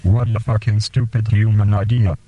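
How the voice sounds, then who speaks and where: A man hosting a radio show, speaking in slow, deliberate, halting phrases and reading poems aloud. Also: lowish voice, little pitch movement, narrow, tinny audio. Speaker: radio host.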